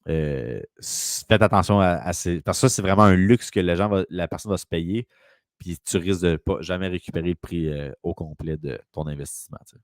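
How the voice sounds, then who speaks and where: A man's voice: low voice, a little fast, dry recording, clean studio sound. A man with a Quebec French accent, a real estate broker telling a long rambling story in casual conversation.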